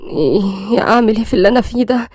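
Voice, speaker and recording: A shy young bride speaking in Egyptian Arabic, soft and hesitant, polite and a little nervous, as a woman voices her. She talks quickly in a dry, close sound. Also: on the high side, no room sound, natural voice. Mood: whispering worried.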